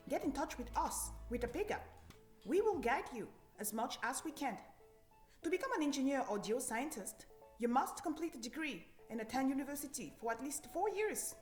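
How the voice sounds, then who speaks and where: A woman in her thirties from Cameroon, a civil engineer giving an earnest, encouraging scripted career talk to students. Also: sits high. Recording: echoey room, faint music behind.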